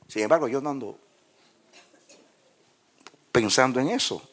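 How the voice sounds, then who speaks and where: Preacher guy, storytelling sermon, plays god and devil voices, goes quiet then loud. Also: a little slow. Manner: animated storytelling, acts out dialogue with God and the devil; swings from low murmurs to high cries.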